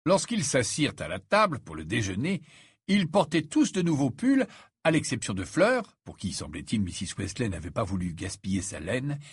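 A man reading a storybook aloud as narrator, with lively storytelling. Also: medium pitch, moderate pace, breathy edge, dry recording, studio quality. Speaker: audiobook reader. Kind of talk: scripted narration.

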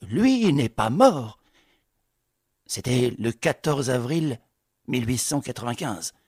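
A man playing a calm, cool-headed gentleman who questions slowly in a low, measured voice, in an audiobook. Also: slightly rough, dry recording, studio quality, full character voice.

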